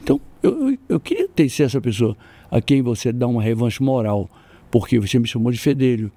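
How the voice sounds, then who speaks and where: An older man with a Brazilian accent, a jiu-jitsu master telling animated stories in an interview, jumping up in pitch when he quotes people. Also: a little fast, no echo. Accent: Brazilian Portuguese. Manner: animated, acts out quoted voices with jumps in pitch. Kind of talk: storytelling in casual interview.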